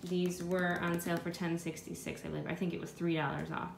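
This vlogger, a woman in her thirties, briskly narrates her grocery haul in a home kitchen, often pausing to recall what things cost. Her voice sits a little low, and the echoey room carries a steady hum of household noise.

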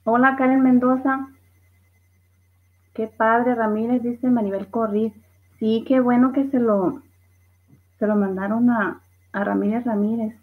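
A woman's voice: on the high side, fairly even intonation, measured pace, long pauses. Woman, livestream host, chatty comment reading, tinny phone-like sound. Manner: reads viewer comments aloud with laughs. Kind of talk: casual live chat reading comments.

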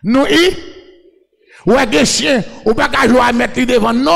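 A man with a Haitian accent preaching a shouted sermon, chanting and repeating a refrain over and over. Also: very high voice, unhurried, gravelly, husky. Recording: long echoing reverb.

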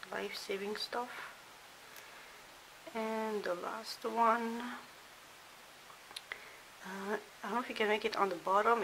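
A woman's voice: mid-range voice, poor audio. A woman vlogging casually from a dim hotel room, chatting and sometimes half-whispering as she shows her things. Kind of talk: casual show-and-tell vlog. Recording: hissy home recording. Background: steady hiss.

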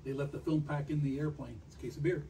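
A man at a model club meeting, briskly telling an anecdote to the other members. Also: on the high side, steady tone, dark tone. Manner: brisk storyteller. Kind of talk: casual anecdote. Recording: distant mic in a room with faint noise.

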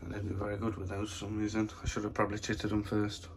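A man with a low, monotone voice talks casually through a phone walk-through of his plot, full of fillers. Wind and outdoor noise sit clearly behind him. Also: fast talker. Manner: chatty, plain-spoken, full of fillers. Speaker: allotment vlogger. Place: windy allotment outdoors, then a room at home.

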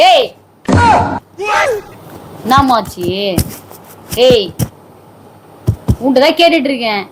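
A woman with a high, light voice scolding and nagging in a staged comedy argument. She talks insistently, pressing and complaining without letup, with a faint hum of noise behind her. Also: rough recording. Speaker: comedy skit performer.

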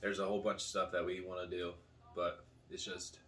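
A man's voice: low voice, little pitch movement, a little fast, fairly bright tone. A man in his thirties hosting a homemade food challenge video, chatting casually as he tastes. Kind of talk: casual chat while tasting food. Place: small living room at a table, indoors. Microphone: camera a couple of metres away. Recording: faint room noise, distant camera mic.

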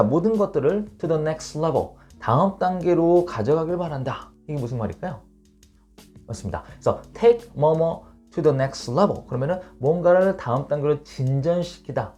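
A man teaching English online, his pitch rising and falling a great deal as he talks. He reads each English example slowly and then explains it patiently. Faint music plays behind him. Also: animated, dark tone.

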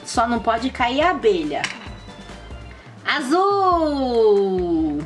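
A woman hosting a children's game channel with bright, sing-song, exclamatory delivery and playful commentary. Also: a little high, big pitch swings, very slow. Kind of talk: playful commentary for children while playing board games. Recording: music playing behind the voice. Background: music.

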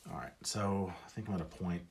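A man's voice: low voice, steady tone, a little fast, noisy background. A man talking casually and rambling as he inks a drawing, often mocking himself. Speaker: illustrator. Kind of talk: casual talk while drawing.

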